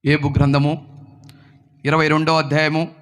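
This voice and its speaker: Male pastor, emphatic sermon delivery with call-and-response, bright forceful tone. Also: a little high, completely flat delivery, normal speed. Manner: emphatic, questions the congregation and urges replies.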